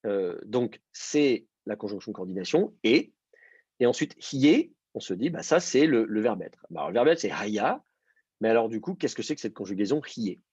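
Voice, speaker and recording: Male teacher, patient and methodical, husky timbre, dull dry recording. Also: fairly low pitch, sing-song, normal speed, a little mellow, dry recording. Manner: patient, explains step by step with many fillers. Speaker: Hebrew teacher. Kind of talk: online class explanation.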